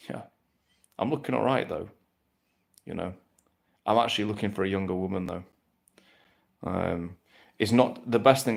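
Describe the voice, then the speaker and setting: A man talks bluntly through viewer questions on a live stream. His voice sits low and gravelly, with a flat, level delivery and frequent casual swearing. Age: 30s.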